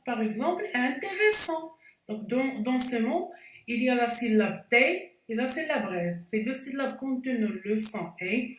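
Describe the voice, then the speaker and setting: A woman's voice: high-pitched, echoey room, far from the mic, low-quality recording. A woman teacher giving a spelling lesson, explaining step by step with frequent hesitations. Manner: slow, deliberate explanations with hesitations.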